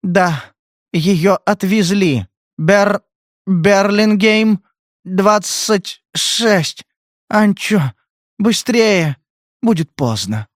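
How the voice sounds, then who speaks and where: Audiobook role: a dazed, scared young woman, high and breaking, clipped pleas, read by a man. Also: animated, no echo, clean studio sound, full character voice. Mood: drowsy pleading. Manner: broken, halting, pleading phrases. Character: drugged frightened young woman, faltering. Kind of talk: audiobook character reading.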